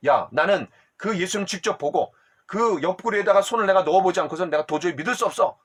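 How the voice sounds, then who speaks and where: A man's voice: high-pitched, lively intonation, fast talker. A man acting out the disciple Thomas, speaking curtly and bluntly. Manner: curt, blunt.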